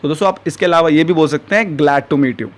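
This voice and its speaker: A man teaches a spoken lesson at a brisk, rapid clip. His voice sits a little higher than most men's, and he keeps calling his viewers friends. He slows right down whenever he gives an example sentence. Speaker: English teacher.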